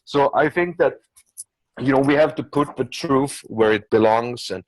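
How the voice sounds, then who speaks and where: An unhurried panelist with a mid-range voice, not a native English speaker, pushes his opinions in a rambling, repetitive manner during an unscripted discussion, propping them up with hypotheticals. The recording is low quality and has no room sound.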